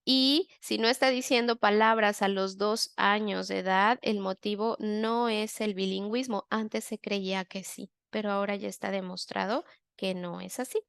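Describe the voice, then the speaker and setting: A woman's voice: medium pitch, steady tone, normal speed, creaky, fairly bright tone, clean tone, no echo, studio quality. A woman language therapist, giving a step-by-step masterclass and often checking in with her listeners. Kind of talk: explanatory masterclass.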